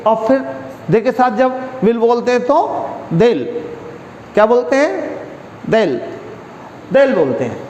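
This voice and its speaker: A man teaching a classroom English grammar lesson who explains slowly, repeats words and asks the class questions. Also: very high voice, a little hiss or hum. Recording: echoey room with a long reverb.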